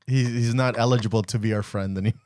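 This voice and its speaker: A man's voice: mid-range voice, steady tone, fast, a little mellow, no room sound, clean studio sound. A man co-hosting a podcast, teasing and bantering playfully in casual chat. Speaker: podcast co-host.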